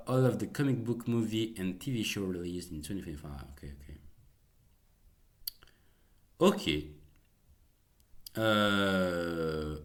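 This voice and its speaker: Rambling young man with a low voice. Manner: rambling, hesitant, many fillers and restarts; chatty and jokey with viewers. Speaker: YouTube host reacting to film news. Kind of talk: casual solo commentary.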